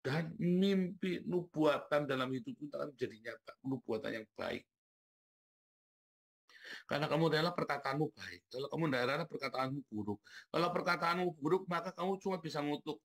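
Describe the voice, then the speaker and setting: A man preaching a sermon in a casual, slangy way, often addressing the congregation and swinging from low murmurs to loud emphatic bursts. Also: lively intonation, brisk, creaky. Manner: preaching with frequent address to the congregation as brothers and sisters. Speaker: pastor.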